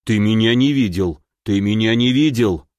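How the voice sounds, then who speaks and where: A man voicing a burly, panicky man who pleads and protests in a drawn-out, whining way. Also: fairly low pitch, a little mellow, dry recording, clean studio sound, voice pushed down, close to an everyday voice. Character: panicky big burly man, whiny and stubborn. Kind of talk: audiobook character voice.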